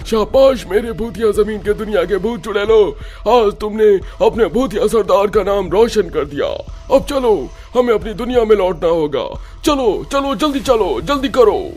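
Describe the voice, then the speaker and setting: A man's voice: high voice, animated, normal speed, few pauses, darkish tone. A man doing a swaggering ghost chieftain. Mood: boastful. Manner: commanding, swaggering. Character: boastful male ghost chieftain. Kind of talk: cartoon voice acting.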